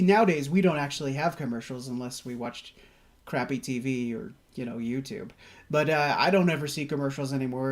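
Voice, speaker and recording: Slightly higher-voiced dude on a movie podcast, super laid-back, says like a lot. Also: male voice, darkish tone. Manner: laid-back, filler-heavy, slangy. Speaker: podcast co-host. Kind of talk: casual film chat.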